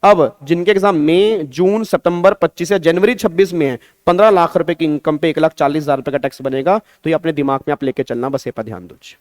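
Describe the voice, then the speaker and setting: High, smooth-voiced Indian man teaching tax. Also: fairly quick, few pauses, no echo. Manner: coaxing, repeats questions to students; Hindi mixed with English terms. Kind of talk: online exam-prep lecture.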